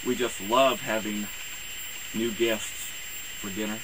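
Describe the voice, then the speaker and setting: A man speaking as a campy horror host, introducing things in a rambling, halting, theatrical way. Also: on the low side, little pitch movement, over loud music, poor audio. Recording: clear hiss and background noise.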